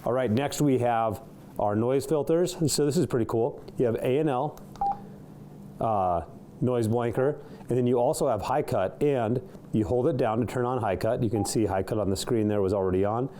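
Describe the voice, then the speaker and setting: A product reviewer demonstrates a CB radio in an indoor studio, speaking casually and unscripted while hesitating a little over the features. His voice is medium-pitched and mellow at a normal speed, with slight hiss or hum.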